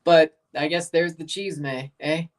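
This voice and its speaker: A man's voice: fairly high pitch, steady tone, unhurried. American guy chatting casually, off the mic. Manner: rambling, informal, replying to viewers in short bursts. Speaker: livestream watchalong host. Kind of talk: casual livestream chat with match commentary. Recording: voice some distance from the mic.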